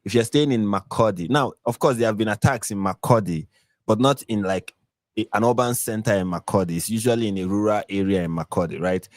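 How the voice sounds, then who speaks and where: Measured Nigerian-accented man, low voice. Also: no room sound. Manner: measured, explanatory, with fillers and lists. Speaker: guest. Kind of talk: explaining in a live stream interview.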